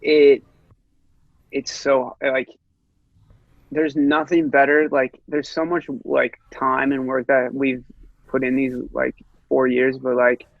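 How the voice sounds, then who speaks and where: A man's voice: medium pitch, little pitch movement, slow pace, creaky, no echo, phone-quality sound. A man in his late twenties, a guest musician chatting casually on a podcast, rambling with lots of fillers and swearing freely. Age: 20s.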